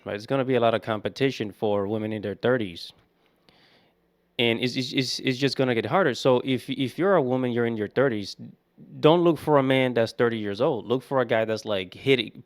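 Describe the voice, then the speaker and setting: An opinionated man in his thirties reacts in casual commentary. He leans on repetition to hammer his points, at a middle pitch. The sound is close and dry. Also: clear, resonant tone, no echo. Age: 30s.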